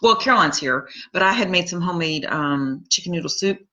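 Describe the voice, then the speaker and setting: Woman host, forties, chatty and rambling, bright lowish voice, casual live storytelling. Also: lively intonation, brisk, dull audio. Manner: chatty, rambling, laughs at her own stories. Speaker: podcast host reading live comments.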